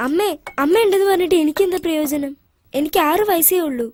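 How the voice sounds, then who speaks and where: A woman's voice: extremely high pitch, fast, darkish tone. A woman voicing a talkative six-year-old girl in a dubbed film. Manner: talkative, childlike. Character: chatty little girl of six. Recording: film dub with music behind.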